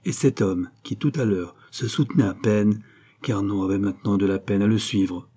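A man narrating a historical novel in an audiobook reading, in a measured, dramatic way. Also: on the low side, mellow.

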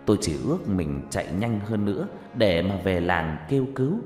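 Lively low-voiced man storyteller. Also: normal speed. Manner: lively, shifting between hushed and shouting. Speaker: horror story narrator. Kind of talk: scripted horror narration. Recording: echoey room with faint music.

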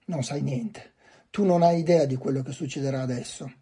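A man reading aloud, voicing a frightened farmer father who shouts harshly at his family. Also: fairly high pitch, moderate pace, husky. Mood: furious. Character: angry frightened middle-aged farmer father. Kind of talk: audiobook reading.

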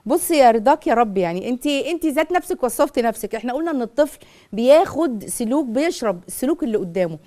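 A middle-aged woman with an Egyptian Arabic accent, hosting a live call-in parenting advice show and acting out mothers' words as she talks. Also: on the high side. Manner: rapid, animated, acts out mothers' words.

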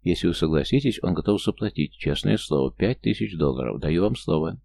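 A man's voice: low-pitched, expressive, fairly quick, gravelly, warm tone, a little hiss or hum. A man doing a whiny, aggrieved French hustler. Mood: pleading. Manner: pleading, aggrieved. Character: whiny, easily offended middle-aged Frenchman, a hustler.

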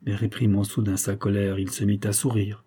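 Low dark husky male narrator. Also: flat delivery, a little fast. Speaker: audiobook narrator. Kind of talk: scripted narration of a classic novel.

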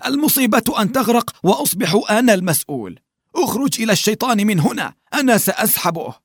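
A tall, thin peasant with a hoarse, muffled voice that seems to rise from his belly, as a male narrator puts him on. He grumbles, mocks and bickers in a high, strained tone that swings widely. It is a dry, close storybook reading. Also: sing-song, fast talker, no room sound, full character voice. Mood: gruff, quarrelsome. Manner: grumbling, quarrelsome.

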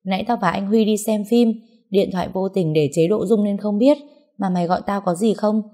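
A woman voicing a flustered, apologetic young best friend who talks in a hurried, stammering way. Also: mid-range voice, dark tone, pitched above the performer's own voice, close to an everyday voice. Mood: casual.

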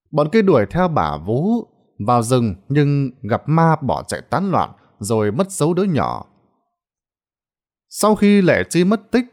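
A man narrating a ghost story in a dramatic, expressive scripted way. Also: mid-range voice.

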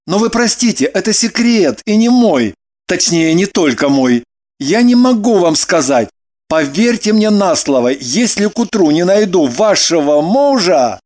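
A man's voice: high-pitched, sing-song, measured pace, a little mellow. Guy reading a prim huffy businessman, stiff and indignant, audiobook style. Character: prim, self-important male businessman.

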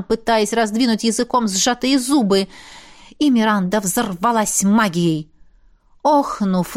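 Woman narrating a fantasy audiobook. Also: fairly high pitch. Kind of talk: scripted narration.

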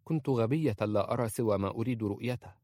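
A man voicing a passionate, remorseful young princess who speaks softly and pleads. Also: medium pitch, fast talker, no echo, studio quality, lightly acted. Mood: pleading. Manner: pleading, soft-spoken.

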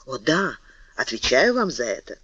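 A man's voice: mid-range voice, very animated, normal speed, bright, forceful tone, breathy edge, no echo, pitched below the performer's own voice, heavily acted. A man voicing a lovesick nobleman who pleads fervently with the woman he loves. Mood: pleading. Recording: dull lo-fi dry recording.

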